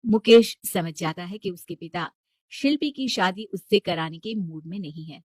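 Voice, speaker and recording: A woman's voice: on the low side, moderate pace, slightly rough, dry recording. A woman reading a scripted story as a dramatic narrator.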